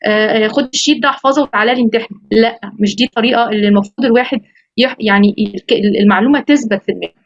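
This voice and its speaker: An Egyptian-accented woman teaching English talks at a quick clip in a somewhat high, animated voice. Her voice comes through a video call with dull, lo-fi audio. The sound is dry and close. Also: dry recording. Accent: Egyptian Arabic. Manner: lively, quotes students in animated voices, switches into English phrases. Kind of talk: online course orientation talk.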